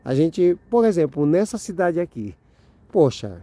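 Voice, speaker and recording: A man's voice: fairly high pitch, sing-song, a little slow, warm tone, no room sound. A middle-aged man with a Brazilian Portuguese accent, talking to viewers in a rambling, chatty vlog. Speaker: vlogger. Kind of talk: casual vlog chat.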